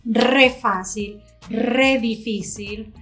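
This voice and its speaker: A woman co-hosting a Spanish lesson, explaining in a lively way and affirming with quick "ujú"s. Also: a little high, faint music behind. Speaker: Spanish teacher.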